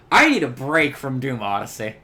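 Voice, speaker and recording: A man hosting a reaction video, talking casually with quick jokes, asides and lots of fillers. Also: medium pitch, wildly swooping pitch, bright, forceful tone. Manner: chatty, joking, with many fillers and quick asides. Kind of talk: casual commentary over a video.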